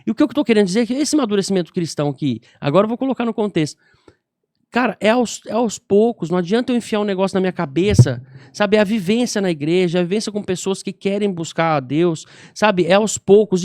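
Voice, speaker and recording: A Brazilian man co-hosting a church podcast, telling a personal story in lively casual chat and acting out the people in it. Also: sits high, dry recording, clean studio sound. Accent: Brazilian Portuguese. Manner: animated, acts out voices in his stories. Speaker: podcast co-host. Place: podcast studio.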